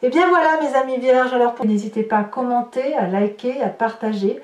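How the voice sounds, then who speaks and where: A channel host does a casual tarot reading for her viewers, speaking briskly in a fairly high voice and musing aloud over the cards. A far-off mic captures a roomy sound with some light noise.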